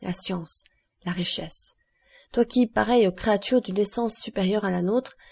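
A woman's voice: medium pitch, moderate pace, gravelly, darkish tone, husky. A woman reading as a grave, earnest nobleman. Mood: fervent. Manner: solemn, earnest. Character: grave, generous male nobleman, former sailor. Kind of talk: audiobook character voice.

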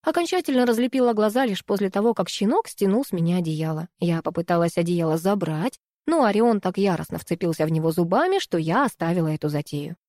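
A woman narrating a first-person story in a gentle, expressive reading style. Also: lowish voice, fast, hardly any pauses, no room sound, clean studio sound. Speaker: audiobook narrator.

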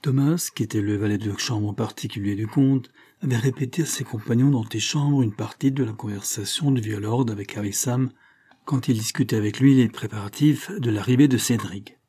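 A man narrating a classic children's novel as an audiobook, in a measured storytelling voice. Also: mid-range voice, warm tone, breathy edge.

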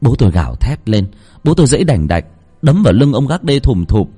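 A man's voice: mid-range voice, big pitch swings, fairly quick, dark tone, husky, soft background music. A man narrating a dramatic, emotive spoken ghost story.

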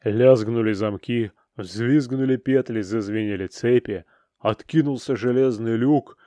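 A man narrating an audiobook with an expressive, dramatic reading. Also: mid-range voice, measured pace, no room sound.

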